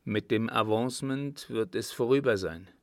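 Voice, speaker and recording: A man reading an audiobook voices an earnest young army officer who speaks calmly and politely. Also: medium pitch, dry recording, clean studio sound, close to an everyday voice. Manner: calm, measured and formally polite.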